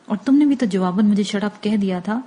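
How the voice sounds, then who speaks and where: Woman reading a fed-up young guy pleading and arguing, soft dark tone. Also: mid-range voice, breathy edge, close to an everyday voice. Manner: pleading, irritated. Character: exasperated young man, a university student.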